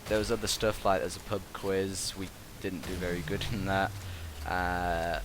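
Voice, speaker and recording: A young man with a British accent and a low voice rambles casually through a commentary. He speaks hesitantly and meanders from thought to thought on a headset mic, with a steady buzz and hiss behind him. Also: normal speed. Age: young adult. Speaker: gaming video commentator, university student. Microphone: gaming headset. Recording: constant buzzing, hissy background noise. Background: constant buzz and hiss.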